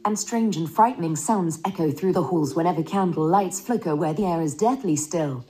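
Woman as the slow, menacing, mellow Ghost Host. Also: fairly low pitch, lightly acted, poor audio. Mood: slow menace. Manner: slow theatrical menace, mock-courteous. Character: ghostly host of a haunted mansion, theatrical, ominously polite. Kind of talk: scripted haunted attraction narration.

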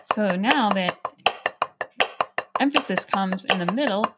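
A woman giving a drum lesson, counting off beats in a calm, explaining way. Loud practice-pad drumming and metronome clicks play right behind her voice. Her pitch sits in an ordinary middle range. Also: takes it slowly, heavy background noise. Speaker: drum teacher.

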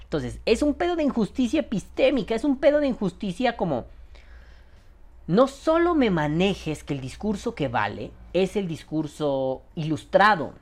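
A man's voice: high voice, moderate pace. A man in his thirties with a Mexican accent, a show host ranting casually and profanely, often imitating other people. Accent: Mexican Spanish. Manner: profane, animated, mimics other people's voices. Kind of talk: casual rant monologue.

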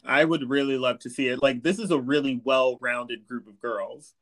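A man's voice: mid-range voice, normal speed, a bit bright. A man hosting a podcast, recapping an episode in an easygoing way and giggling often. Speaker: podcast host. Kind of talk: casual recap chat.

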